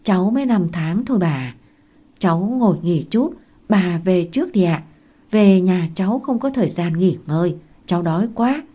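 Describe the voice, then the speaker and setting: A woman reading aloud and voicing a meek young pregnant daughter-in-law who asks softly and pleads. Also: lowish voice, expressive, moderate pace. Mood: pleading. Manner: soft, pleading, curious.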